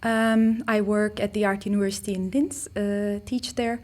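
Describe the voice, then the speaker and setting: A woman presents her artistic research at a conference. Her pitch sits in the middle range. She talks hesitantly, filling pauses with ums and restarting her sentences. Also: level tone, a little mellow. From Turkey. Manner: hesitant, many fillers and restarts. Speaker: artist and researcher giving a talk. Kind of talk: conference talk.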